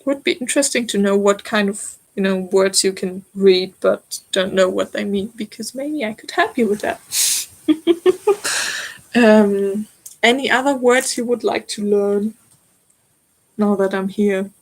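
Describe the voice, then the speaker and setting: On poor audio, a German-accented woman in her twenties talks a little slowly in a medium-pitched voice. She runs a stitching channel and is hosting a live stream, responding to viewers' comments and frequently giggling.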